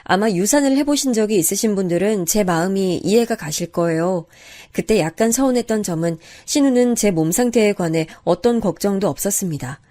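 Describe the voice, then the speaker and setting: A woman tells a first-person story in a calm, confiding voice at an even pace. Her tone is mellow and soft, with a mid-range pitch. She narrates steadily, like a bedtime radio reading. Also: fairly quick.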